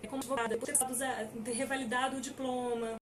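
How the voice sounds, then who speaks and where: A woman's voice: high voice, little pitch movement, fast, recorded from a distance. A middle-aged Brazilian woman lawyer giving an informal talk, hesitant with many fillers and emphatic on key points. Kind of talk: informal lecture.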